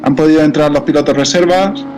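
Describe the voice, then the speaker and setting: A man's voice: on the high side, fast, a little mellow. A man giving conversational racing commentary as a co-commentator. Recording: car engine noise behind.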